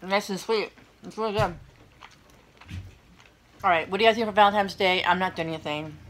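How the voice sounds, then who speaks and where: This young adult woman hosts a mukbang, chatting casually with viewers as she eats. Her medium-pitched voice moves fairly quickly through rambling anecdotes with self-deprecating asides, and clear room noise is audible in the background.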